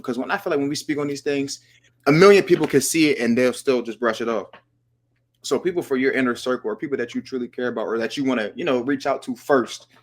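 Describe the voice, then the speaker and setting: A man hosting a relaxed podcast conversation, his voice sitting at an ordinary middle pitch. He talks in a slangy, animated way, jumping up in energy and now and then dropping to a hushed whisper for effect. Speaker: podcast host. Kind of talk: casual podcast chat.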